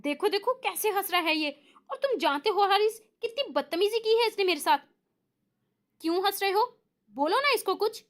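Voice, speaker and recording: A fiery young woman with a high, swooping voice that jumps up sharply when she scolds. A woman narrator puts her on as she reads a novel aloud. Her lines are quick, indignant and shrill. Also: expressive.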